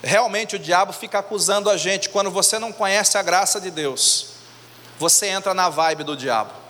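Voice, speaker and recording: Pastor, male, high bright voice, preaching with storytelling, echoey church hall. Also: normal speed. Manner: preaching, acts out quoted voices in a low hush. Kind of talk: sermon with storytelling. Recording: echoey hall with faint ambience.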